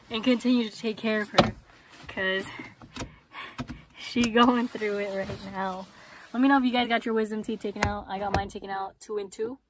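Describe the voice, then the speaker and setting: A woman in her twenties talks casually into her phone, vlog style. Her pitch is average and her manner is playful and joking, with slight noise behind her. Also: low-quality recording. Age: 20s. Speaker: vlogger and caregiver friend. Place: car and small home rooms. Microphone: phone at arm's length.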